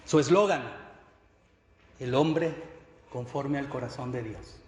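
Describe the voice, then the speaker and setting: A man preaching a sermon as pastor, telling a Bible story with lively acted-out dialogue. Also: mid-range voice, takes it slowly, slight background noise. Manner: dramatic storytelling, acting out dialogue. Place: church hall. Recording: echoey church hall, faint ambience.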